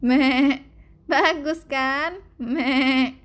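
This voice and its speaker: A woman's voice: high voice, steady tone, very slow. A woman voicing a group of friendly farm sheep who bleat "meh" around their lines in a storybook reading.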